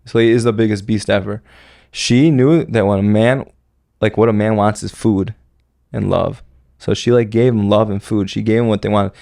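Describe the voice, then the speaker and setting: A man with a low voice tells a story as a podcast guest, rambling and loose with slang. His voice is gravelly and heavy with fry. The sound is close and dry, with no room echo. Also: fairly even intonation, moderate pace, warm tone. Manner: slangy, rambling, full of "like" and "bro". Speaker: podcast guest recounting military service. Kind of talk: casual storytelling.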